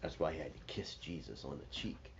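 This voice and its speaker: Low-voiced man telling a story loosely. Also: expressive, brisk, creaky. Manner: loose, slangy, full of fillers. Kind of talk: casual retelling. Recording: slightly dull with faint noise.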